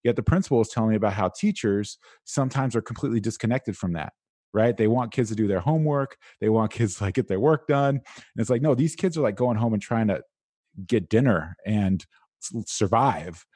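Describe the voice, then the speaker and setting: A man speaking as a podcast guest about teenagers, in a casual, animated way. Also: on the low side, fairly quick, slightly rough, dry recording, studio quality. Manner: casual and animated, many "like" fillers. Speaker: guest, school resilience speaker. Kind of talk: conversational interview.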